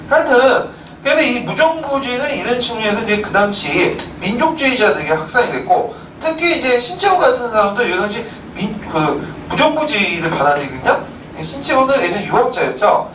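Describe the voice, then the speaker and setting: A man's voice: high-pitched, a bit bright. A man teaching a history lecture, explaining with rhetorical questions and many filler sounds. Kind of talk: recorded lecture. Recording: roomy, distant mic, faint background noise.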